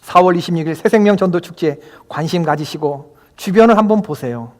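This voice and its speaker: A man sits high in his register and moves fairly quickly while preaching a Sunday sermon in a church sanctuary. He's emphatic, keeps asking the congregation questions, and the sound rings with long hall reverb.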